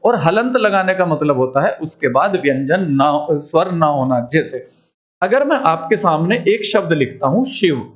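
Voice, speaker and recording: A man teaching a Hindi class who explains step by step and asks questions that he answers himself. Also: high-pitched. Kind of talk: classroom lesson. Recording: dull lo-fi recording.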